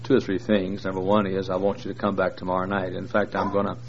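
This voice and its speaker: A fast-talking man in his sixties with a low, creaky, monotone voice is a guest preacher at a large church. He jokes folksily with the big congregation and uses lots of fillers. The lo-fi recording is dull and carries faint noise.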